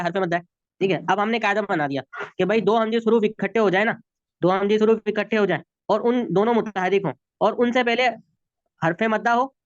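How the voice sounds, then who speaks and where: A man's voice: sits high, no echo, highs cut off. A man from Pakistan with an Urdu accent, teaching an online class and patiently repeating rules while checking that students follow. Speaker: Arabic grammar teacher. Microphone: video call.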